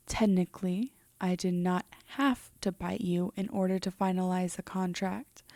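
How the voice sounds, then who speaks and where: In a roleplay audio drama, a woman with a medium-pitched voice plays a composed, teasing, possessive female demon. Her delivery is intimate and slow, measured and softly haughty, sometimes slipping into whispers, and the recording is dry.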